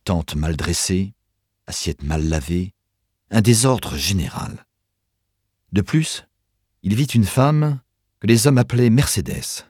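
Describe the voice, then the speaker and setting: A man narrating an audiobook in an expressive storytelling manner. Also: low-pitched, slow pace, pauses often, slightly rough, no echo, clean studio sound.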